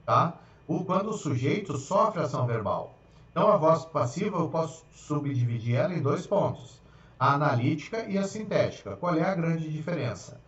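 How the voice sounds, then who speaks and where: A man's voice: fairly high pitch, far from the mic. A man teaching a grammar class in Brazilian-accented speech, explaining step by step and checking in with his students often. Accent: Brazilian Portuguese. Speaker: Portuguese teacher. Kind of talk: grammar lecture for exam prep. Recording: roomy, dull sound from off-mic.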